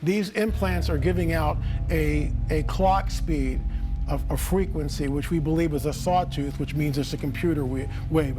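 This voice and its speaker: A man's voice: a little high, darkish tone. A man speaking as a guest on a TV interview, telling stories with confident, emphatic statements. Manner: confident storytelling, emphatic, declarative.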